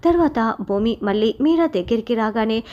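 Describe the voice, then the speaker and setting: Brief: woman recap narrator, highish voice, brisk telling, dull lo-fi audio. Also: expressive, mellow. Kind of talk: scripted narration.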